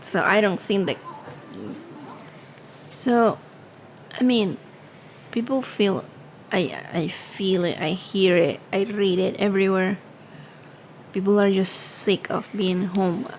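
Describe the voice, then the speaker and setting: A woman co-hosting a podcast conversation, speaking in an unhurried, thoughtful way with trailing fillers. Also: mid-range voice, slight background noise, poor audio. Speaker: podcast co-host. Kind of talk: casual conversation. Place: home studio.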